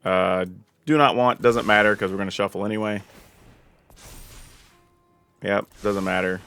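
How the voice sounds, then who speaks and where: A man from the American South commenting casually on his own card game, thinking aloud and getting excited over big plays. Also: lowish voice, unhurried, soft background music. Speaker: gameplay commentator.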